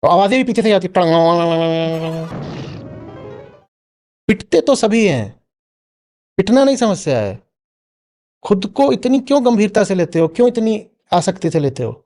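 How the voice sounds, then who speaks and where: A man's voice: high-pitched, sing-song, moderate pace, mellow, soft background music. A man giving a spoken discourse to a live audience, often prodding the listener with questions. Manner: questioning, prods listener with "hmm?". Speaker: spiritual teacher answering an audience member.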